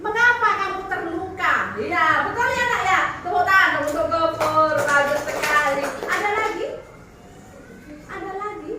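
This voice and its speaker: A woman's voice: very high-pitched, moderate pace. A woman teacher running a primary school class, calling on pupils by name and encouraging them. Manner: encouraging, calls on pupils by name, leads applause. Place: classroom full of children. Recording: very echoey classroom, distant mic, noisy.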